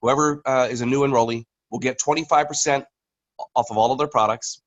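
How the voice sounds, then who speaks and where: A man's voice: medium pitch, fairly even intonation, brisk, fairly bright tone, lo-fi sound. A man, a company communications executive, giving a casual, rambling business update on a video call, with many fillers and restarts.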